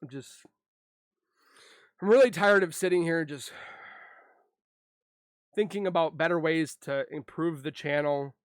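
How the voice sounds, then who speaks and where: A man venting to his viewers in a vlog, halting and frustrated, and holding back tears as he speaks. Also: on the high side, clean tone, dry recording. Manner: halting, frustrated, with frequent restarts. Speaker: YouTuber.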